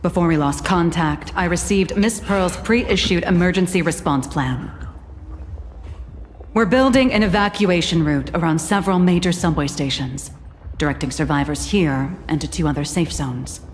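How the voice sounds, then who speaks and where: A woman's voice: lowish voice, moderate pace, slight background noise, lightly acted. An actress playing a serious, businesslike woman coordinator in a video game, orderly in delivery. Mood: grave, urgent. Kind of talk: video game character acting. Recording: reverberant with faint music.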